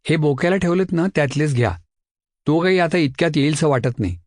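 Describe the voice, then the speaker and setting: A man voicing a strict mother who talks in a sharp, scolding way. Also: on the high side, animated, fairly quick, no room sound, clean studio sound, voice pushed up, lightly acted.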